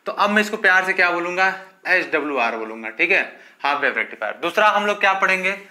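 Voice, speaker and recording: A man's voice: high voice, fast talker, pushed and bright. A male physics teacher giving a classroom lecture, calling his students children and asking questions he then answers himself, with frequent repeated okays. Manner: addresses students as children, frequent fillers like okay.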